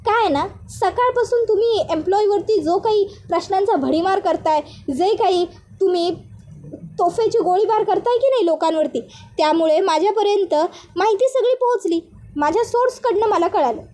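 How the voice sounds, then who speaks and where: A woman's voice: very high voice, moderate pace, warm tone. Playful young wife, as a woman narrator reads her. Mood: teasing.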